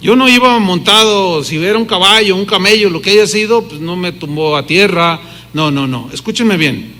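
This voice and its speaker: Middle-aged male pastor, high bright voice, emphatic sermon with audience questions, church hall reverb. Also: moderate pace. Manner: emphatic preaching, rhetorical questions to the congregation.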